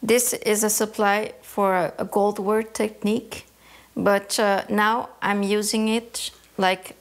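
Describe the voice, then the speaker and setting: A Canadian woman who works as an embroidery artist answers interview questions thoughtfully, frequently pausing as she searches for words. Her voice sits in the mid range with a level tone.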